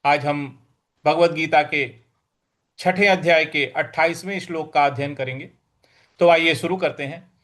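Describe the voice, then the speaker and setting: A man teaching a scripture lesson, chanting verses slowly and then explaining how to pronounce each syllable. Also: a little high, fairly bright tone. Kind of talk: recitation and pronunciation lesson.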